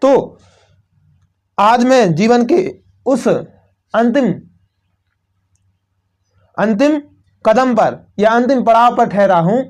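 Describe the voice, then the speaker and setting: A male teacher with a North Indian Hindi accent goes through a poem line by line. His voice sits high and he speaks at a slow, deliberate pace. He poses questions and answers them himself, repeating each point. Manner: repetitive, asks and answers own questions.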